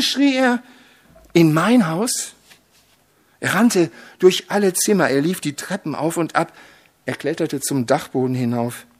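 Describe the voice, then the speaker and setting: A man preaching a sermon, solemn and measured, who swells to loud dramatic emphasis when telling a story. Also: medium pitch.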